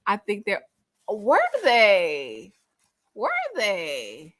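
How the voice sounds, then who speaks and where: A woman co-hosting a casual recap chat, animated and laughing often as she reads comments from the live chat aloud. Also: mid-range voice, extremely slow. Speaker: co-host of a reality TV recap channel.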